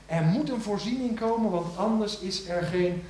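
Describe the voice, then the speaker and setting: Male preacher, fairly high voice, dramatic swells and hushes, big church echo. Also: moderate pace, a little hiss or hum. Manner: swells loud on key words, drops to hushed low phrases. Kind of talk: sermon. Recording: echoey church hall.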